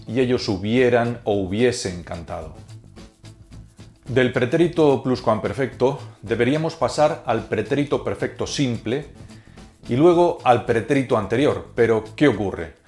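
A man gives a scripted grammar lesson, spelling out each verb form slowly and carefully. His pitch sits in an ordinary middle range. Faint guitar music plays softly beneath his voice. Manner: slow, deliberate recitation of verb forms. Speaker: teacher.

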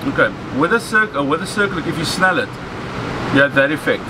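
A South African man in his forties talks through his fishing setup in an easygoing, practical way. His voice sits a little high for a man. Loud surf roars behind him on the open beach. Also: brisk. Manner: relaxed, practical explaining with many "so" and "okay". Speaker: fishing instructor. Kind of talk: outdoor how-to demonstration. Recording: loud surf and wind noise. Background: crashing waves.

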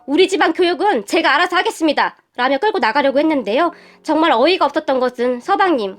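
A woman narrating a dramatic first-person story in a heated, emphatic way. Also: high-pitched.

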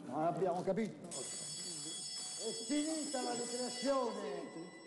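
A scandalised headmaster with an extremely high, swooping voice. He fusses indignantly in sitcom style, in an echoey room with loud music. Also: expressive, slow pace, background noise, heavily acted. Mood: stern. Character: indignant, fussy school headmaster, easily scandalised. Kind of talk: broad TV sitcom comedy acting.

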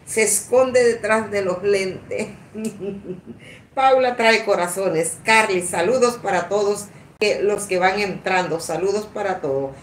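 Slow, affectionate woman livestreaming. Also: medium pitch, far from the mic. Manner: affectionate, chatty, laughs often, many restarts. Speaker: livestream host greeting viewers. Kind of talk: casual livestream chat. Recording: echoey room with faint background noise.

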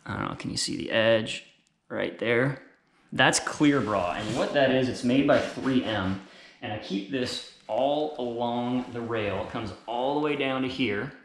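At a measured pace, an outdoor gear channel host in his thirties talks through a casual how-to as he works, his middle-pitched voice relaxed and prone to doubling up words. The camera first sits on a stand across a small bare room with strong echo, then is sometimes held close.

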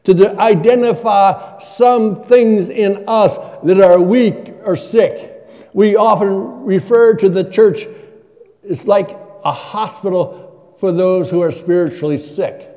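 An older man, a guest preacher, speaks from a church pulpit in a slow, warm voice that sits high. He asks his congregation questions conversationally, with long church reverb around him.

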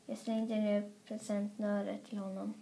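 A woman reading a children's story aloud in an expressive, playful way. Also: medium pitch, vocal fry, a little hiss or hum. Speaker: storybook reader. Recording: roomy echo.

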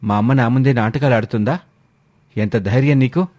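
A man's voice: medium pitch, brisk, darkish tone, natural voice. A man voicing an angry young husband who questions in a stern, demanding way.

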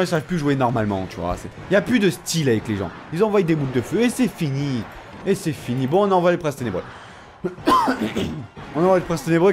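A young man with a fairly high, very lively voice comments on his game in a relaxed, casual way. His throat is sore and a little strained, and he keeps teasing his opponent. Faint music plays underneath the recording. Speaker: gaming video creator.

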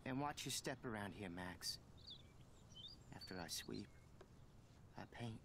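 An actor voicing a creepy but gentle campus janitor in a video game, speaking cryptically in a slow, ominous drawl. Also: male voice, fairly low pitch, expressive, creaky, noisy background, full character voice. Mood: slow, cryptic.

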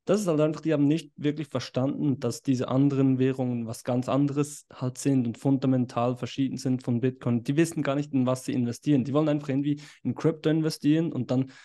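Mellow-voiced podcast host, relaxed and hesitant. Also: male voice, medium pitch, fast, hardly any pauses. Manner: hesitant, many fillers, mixes in English words. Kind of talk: casual podcast conversation.

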